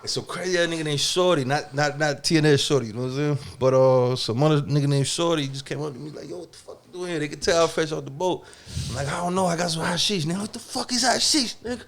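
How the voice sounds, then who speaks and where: Fast-talking, animated German-born man. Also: fairly high pitch. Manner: animated, profane, laughing storyteller. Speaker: guest rapper. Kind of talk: casual podcast storytelling.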